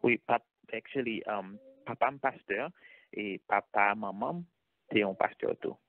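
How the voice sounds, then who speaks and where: A man from Haiti speaks with a low voice, telling his story in a measured, thoughtful way. His voice comes through a narrow, tinny phone line. The sound is dry, with no room echo. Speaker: guest. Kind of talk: interview over a call.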